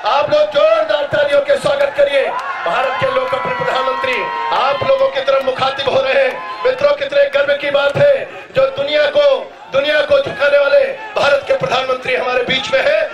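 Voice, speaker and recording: A man announces at a political rally, exhorting in repeated phrases at a very high, unvarying pitch. He sounds distant and echoing over a noisy crowd. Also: little pitch movement, moderate pace, dull audio. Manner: repetitive, exhorting, reverential. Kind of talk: shouted political rally introduction.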